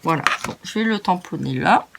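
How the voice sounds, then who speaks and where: A woman's voice: on the low side, animated, fairly quick, creaky, noisy background. A French-speaking woman hosting a crafting tutorial, chatty and self-mocking as she narrates each step. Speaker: craft video host.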